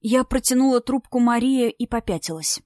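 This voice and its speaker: A woman narrating an audiobook in the first person, steady and expressive. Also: a little high, moderate pace, no room sound, clean studio sound.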